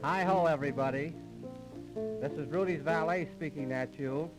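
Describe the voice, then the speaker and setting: A 1930s radio transcription disc, low in quality and with music behind, preserves an American man from a singing comedy duo doing comic patter and mock recitation. His voice is fairly high and his pace normal, and his delivery is that of a folksy, mock-formal showman.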